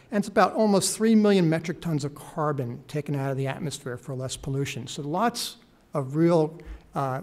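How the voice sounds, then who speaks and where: A man's voice: on the high side, darkish tone. A middle-aged man presenting a government home program on a policy panel, enthusiastic and persuasive, speaking into a table mic in a wood-paneled hearing room. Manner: enthusiastic, persuasive, gestures while talking. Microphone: table mic on stand.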